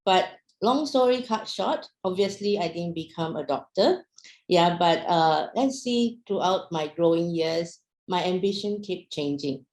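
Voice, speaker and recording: A woman's voice: lowish voice, lively intonation, unhurried, a little mellow, roomy sound, low-quality recording. A young woman, raised in Singapore after being born in Myanmar, gives a casual talk to an online audience, asking questions and using many fillers. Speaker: speaker at an online business talk.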